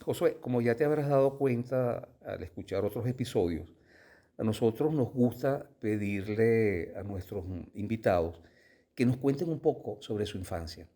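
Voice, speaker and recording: A man hosting an interview, reading a measured, formal introduction before questioning his guest. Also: mid-range voice, animated, mellow. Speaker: podcast host.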